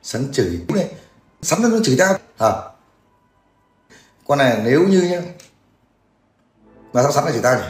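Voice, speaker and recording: A man's voice: medium pitch, very animated, moderate pace, long pauses. A man, ranting crudely and mockingly in a livestream. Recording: echoey room with faint music.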